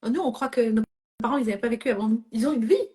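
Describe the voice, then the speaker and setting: Woman coach, middle-aged, raised pitch; directive, frequent check-ins, code-switches into English. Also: fast talker, warm tone. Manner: mixes English phrases into French. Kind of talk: live coaching session.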